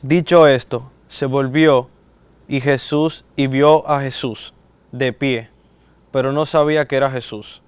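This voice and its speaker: A man reading a Gospel passage aloud in a steady, measured way during a sermon. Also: medium pitch, clear, resonant tone, no echo. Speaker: scripture reader.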